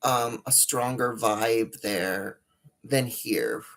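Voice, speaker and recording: A woman hosting a laid-back live chat, speaking with an American accent that mixes northern and southern sounds. She takes her time, unhurried and drawn out. Her talk rambles and halts, blunt about what she thinks. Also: a bass voice, fairly bright tone. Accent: mixed northern and southern American. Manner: rambling, halting, frank. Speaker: livestream host.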